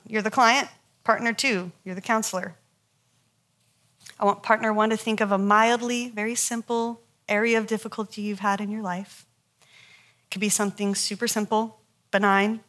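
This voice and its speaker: A woman leads a counseling workshop in an easy, conversational teaching voice that sits at a middle pitch. She tells stories from her own sessions with animation, laughs often and speaks to her listeners directly. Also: a bit bright.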